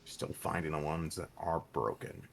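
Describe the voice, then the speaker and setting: A man narrating as game master of a tabletop game, calling for checks and describing the action in a relaxed, matter-of-fact way. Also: very deep voice, normal speed, creaky, slight background noise. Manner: relaxed, matter-of-fact rules talk with fillers.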